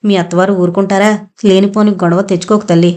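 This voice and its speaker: A woman voicing a frail, ailing older mother who speaks softly and tenderly, in a storybook reading. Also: medium pitch, level tone, fast, lightly acted. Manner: soft, tired and tender.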